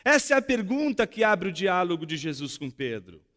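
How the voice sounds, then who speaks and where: A man with a Brazilian Portuguese accent preaching a sermon as a pastor, expressive and fond of rhetorical questions. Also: high voice, normal speed, long reverb tail. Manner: expressive, acts out dialogue and asks rhetorical questions.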